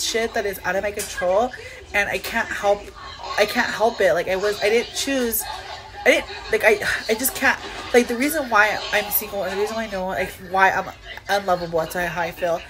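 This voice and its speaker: A young woman vlogging to camera about her feelings, tearful and halting, full of fillers. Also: medium pitch, rough recording. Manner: halting, emotional, filler-heavy with lots of "like". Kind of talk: confessional vlog to camera.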